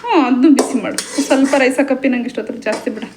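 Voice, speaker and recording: A woman's voice: sits high, rapid-fire, noisy background. A woman in her forties with a Kannada accent, a mother chatting and teasing her daughter in a home kitchen at night. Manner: teasing, bossy, laughing. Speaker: vlogger, mother. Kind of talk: casual family chat.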